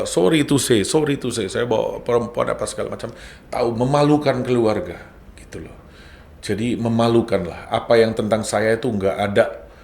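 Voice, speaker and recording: A man's voice: lowish voice, darkish tone. Earnest man giving a heartfelt testimony. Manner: earnest, heartfelt, sprinkles in English words. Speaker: guest sharing a conversion testimony. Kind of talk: emotional personal testimony.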